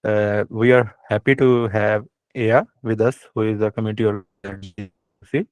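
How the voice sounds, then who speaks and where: A man acts as host of an online session, formally introducing a speaker. His voice is fairly low with very flat intonation, and the sound is dry. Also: moderate pace, no room sound. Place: online video call.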